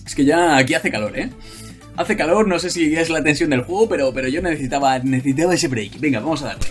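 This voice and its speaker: A young man from with a high, animated voice rattles off rapid, frantic gameplay commentary, repeating words in bursts and breaking into shouts. Music plays clearly behind him throughout.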